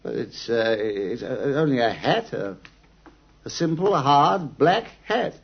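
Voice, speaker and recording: Hearty British Doctor Watson, very animated. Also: male voice, mid-range voice, takes it slowly, vocal fry, slightly rough, heavily acted. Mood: fussy, curious. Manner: hesitant, blustery, repeating himself. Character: Doctor Watson, hearty, fussy, bumbling gentleman doctor friend. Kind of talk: old-time radio drama acting and narration. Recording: muffled, slightly noisy old radio recording.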